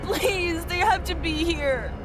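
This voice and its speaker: A woman's voice: very high voice, slow. Woman voicing a tearful trapped young woman. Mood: pleading. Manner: pleading, tearful. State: crying. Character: frightened young woman trapped by boyfriend's family. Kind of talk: animated story voice acting. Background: music.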